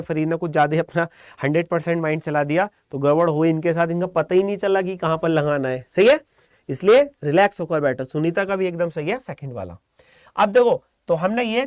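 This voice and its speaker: Calm encouraging male shorthand teacher. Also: high voice, clear, resonant tone, no echo, studio quality. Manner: calm, encouraging, quizzes students by name. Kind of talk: live online class.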